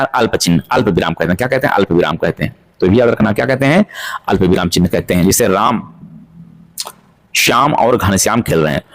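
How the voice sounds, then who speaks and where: A man teaching an exam-prep grammar lesson, asking questions and answering them himself to drill each point. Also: medium pitch. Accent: Hindi-speaking North Indian.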